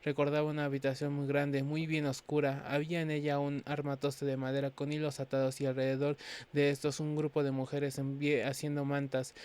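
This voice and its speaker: A man reading a novel aloud in a flat, even way, stumbling and restarting words now and then. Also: on the high side, clear, resonant tone. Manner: halting reading with frequent restarts. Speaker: reader.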